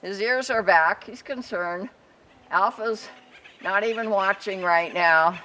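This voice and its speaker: A woman hosting a casual vlog, training an alpaca outdoors and softly reassuring the animal as she explains each step. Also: mid-range voice, takes it slowly, poor audio. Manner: soothing repeated reassurances to an animal. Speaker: alpaca trainer and show host. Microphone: camera mic, handheld at times.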